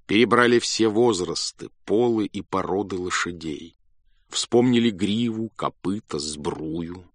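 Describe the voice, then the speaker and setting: A man narrating a classic story in an expressive, dramatic manner. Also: sits low, measured pace, no room sound. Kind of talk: storybook reading.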